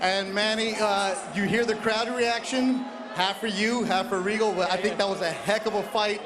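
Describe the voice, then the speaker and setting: High-pitched male ringside interviewer, loud. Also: fairly even intonation, normal speed. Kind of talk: live post-fight sports interview. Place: boxing ring in an arena. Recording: loud crowd noise in arena.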